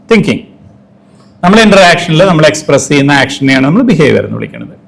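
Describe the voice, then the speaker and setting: A man's voice: a little high, rough recording. A man giving an interactive talk, putting many questions to his audience and acting out everyday sayings.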